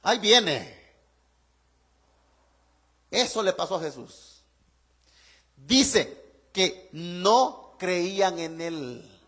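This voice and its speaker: Bright-voiced pastor preaching. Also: male voice, high voice, drawn-out words, long pauses. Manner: animated preaching, rhetorical questions to the congregation. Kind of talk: sermon.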